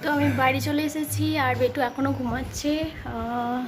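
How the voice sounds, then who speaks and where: A young woman vlogging in a casual chat, talking softly and quietly so her sleeping baby is not woken. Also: high-pitched, fairly even intonation, normal speed, background noise. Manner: hushed, soft-spoken so the baby can sleep.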